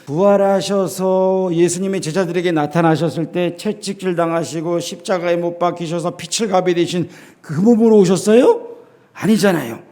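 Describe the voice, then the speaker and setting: A middle-aged man preaching a sermon as a pastor in a church, emphatic, with rhetorical questions to the congregation and sudden drops to a quiet voice. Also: moderate pace. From South Korea. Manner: swings between loud emphasis and low, quiet lines.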